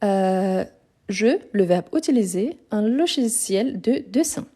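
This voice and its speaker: A woman's voice: medium pitch, lively intonation, slow pace, dark tone. A woman teaching a live grammar lesson over her phone, explaining patiently, repeating words and correcting herself as she goes. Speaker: French teacher.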